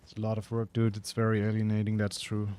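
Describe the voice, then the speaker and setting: A man's voice: lowish voice, completely flat delivery, fast, a little mellow, smooth. A man with a German accent giving casual, chatty commentary while gaming, saying "like" often and swearing freely. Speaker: streamer.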